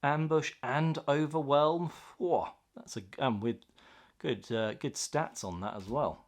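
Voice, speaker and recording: Hosting a card pack opening video, this man chats casually and enthusiastically, reacting out loud to each find. His voice is on the high side and his delivery a little slow.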